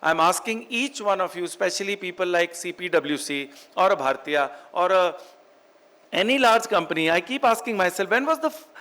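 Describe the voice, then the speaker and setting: A middle-aged man from Chandigarh, India, with a North Indian accent gives an emphatic motivational business keynote in a high-pitched, pushed and bright voice with lively intonation at normal speed. A real estate executive, he repeats phrases in parallel for effect and alternates between English and Hindi.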